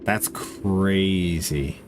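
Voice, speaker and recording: A man's voice: low-pitched, steady tone, drawn-out words, noisy background. A man with a congested nose giving casual, profane, joking commentary while streaming a game.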